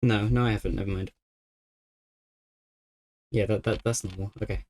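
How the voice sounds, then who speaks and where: A man's voice: lowish voice, steady tone, moderate pace, a little mellow. A young man streaming a game, chatting casually and thinking aloud as he works through a puzzle. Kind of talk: casual live-stream chat.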